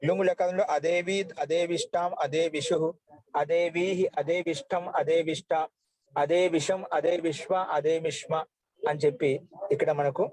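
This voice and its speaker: A man teaching Sanskrit grammar, slowly reciting verb forms one by one. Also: fairly high pitch, steady tone, a little mellow, dry recording, rough recording. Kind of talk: online class lesson.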